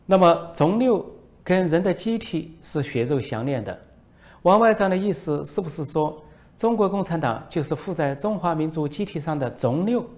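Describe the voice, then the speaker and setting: Man playing a sly male foreign reporter, high voice, slow, mock-polite, needling. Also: expressive, a little mellow.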